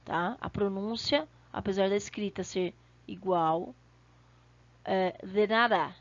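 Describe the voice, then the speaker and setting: A woman with a Brazilian Portuguese accent teaching Spanish, repeating example phrases slowly and checking in with her class. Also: medium pitch, muffled recording. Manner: slow, deliberate, repeats example phrases for pronunciation, checks in often. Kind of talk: online language lesson.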